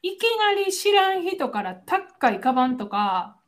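A woman's voice: high voice, very animated, unhurried. A woman with a Kansai accent chatting casually as a podcast co-host, explaining phrases and laughing often. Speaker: podcast co-host, Japanese teacher. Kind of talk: casual chat.

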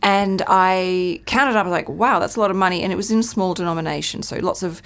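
A woman with a slightly low voice, speaking as a guest in a relaxed podcast interview. She tells her story in a chatty way and slips into quoted voices along the way. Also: a little fast, creaky.

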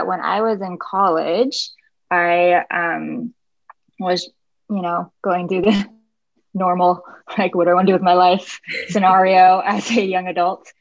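A young woman teacher telling how she came to teaching, hesitant, with many fillers and soft laughs. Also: fairly low pitch, no echo, muffled recording. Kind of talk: casual interview chat.

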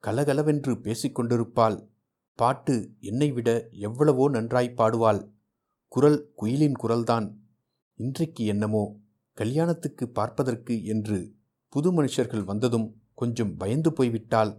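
A man reading aloud voices a quick-witted, outspoken young woman in a storybook. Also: mid-range voice, darkish tone, slightly rough. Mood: pleading.

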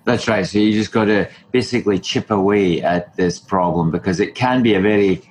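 A middle-aged man hosting a medical podcast, asking questions in a relaxed, friendly way with fillers. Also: fairly low pitch, fairly quick, slight background noise. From Canada. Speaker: podcast host, family physician. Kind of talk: casual interview.

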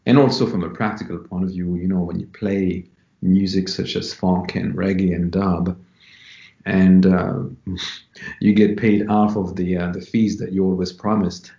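A man in his forties from France, speaking as an interview guest in a relaxed, unhurried way with many ums. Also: deep voice, gravelly. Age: 40s. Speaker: yoga teacher guest. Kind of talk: casual interview talk. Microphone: remote call. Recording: dull, roomy call audio.

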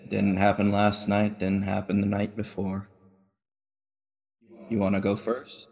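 A man's voice: lowish voice, completely flat delivery, measured pace, vocal fry, a little mellow. A man voicing the ghost of a soldier, lonely and friendly, with a casual, chummy ghost voice. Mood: chummy, reassuring.

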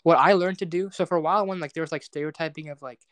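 A man's voice: on the high side, steady tone, very fast, no echo. A young man co-hosting a casual podcast chat, rambling with many fillers and restarts. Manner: rambling, filler-heavy, hesitant. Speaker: podcast co-host.

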